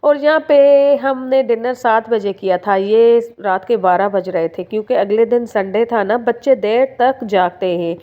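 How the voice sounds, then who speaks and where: A young woman from Sindh, Pakistan, chats warmly with her viewers in a casual home vlog voice-over, sprinkling in fillers. Her voice sits a little high and she speaks unhurriedly with few pauses, recorded on a phone that cuts off the highs.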